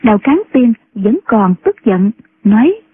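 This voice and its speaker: A woman narrating a martial-arts novel as an audiobook in a steady storytelling manner. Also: on the high side, unhurried, a little hiss or hum. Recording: tinny phone-like sound.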